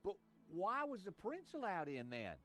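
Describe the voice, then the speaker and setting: A man's voice: sits high, huge pitch swings, normal speed, bright, forceful tone, faint music behind, pitched above the performer's own voice, exaggerated voice. An actor voicing a game hero who puts on a Southern US accent to play an overeager, nosy male tourist. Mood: gushing. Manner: gushing, wide-eyed, playing dumb.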